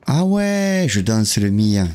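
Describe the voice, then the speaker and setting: A man live-streaming a horror game, chatting with viewers in a jokey, lively way and greeting them one by one. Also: on the low side, takes it slowly, clear, resonant tone.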